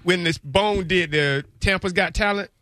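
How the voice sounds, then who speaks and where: A man's voice: high voice, normal speed, sharp tone. A man in casual radio banter, teasing and needling in colloquial speech.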